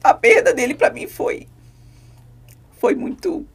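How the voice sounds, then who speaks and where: A woman's voice: sits high, lively intonation, slow pace, gravelly. A woman, a podcast guest giving an earnest, emotional personal testimony.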